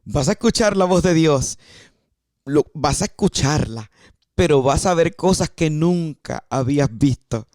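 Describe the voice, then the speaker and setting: A woman's voice: low voice, expressive, measured pace, a little mellow, dry recording. Dry-voiced Puerto Rican woman preaching. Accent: Puerto Rican Spanish. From Puerto Rico. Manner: emphatic, repeats key phrases. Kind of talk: sermon.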